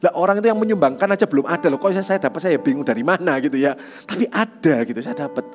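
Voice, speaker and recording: A man preaching a sermon as youth pastor, telling a personal testimony with lively storytelling and frequent tag phrases. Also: on the high side, quick pace, faint music behind.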